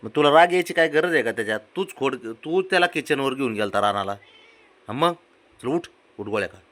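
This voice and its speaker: A young man, coaxing and sweet-talking his pet cat at home, repeating himself softly. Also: medium pitch, lively intonation, a little fast. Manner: coaxing, repetitive, soft-spoken with a pet. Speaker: cat owner. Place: home, indoors.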